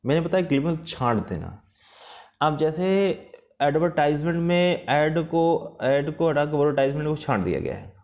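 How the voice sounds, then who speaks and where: A man teaching an English lesson with patience, repeating and rephrasing each point, slow and careful in English and quicker in the rest. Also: fairly high pitch, big pitch swings, darkish tone, highs cut off. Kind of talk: explanatory lesson mixing Hindi and English.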